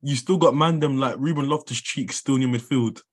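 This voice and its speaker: A man's voice: mid-range voice, brisk, breathy edge, dry recording, clean studio sound. A young man with a London roadman accent and heavy slang, teasing in casual football banter. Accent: London roadman, urban slang. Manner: teasing, animated.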